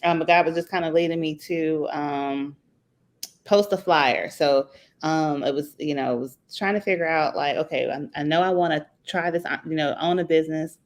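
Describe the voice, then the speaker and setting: A woman's voice: low voice, moderate pace. A woman from Atlanta, a business owner guest in a casual interview, talking easily with many fillers and laughs. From Atlanta, Georgia. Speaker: guest entrepreneur.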